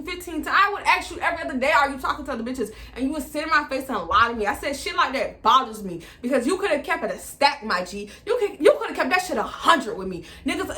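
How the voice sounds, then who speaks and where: A woman, with a high, bright voice. She talks in an animated, profane way and acts out her side of arguments as she goes. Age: 20s. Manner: animated, profane retelling with re-enacted dialogue. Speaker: vlogger. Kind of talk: storytime vlog.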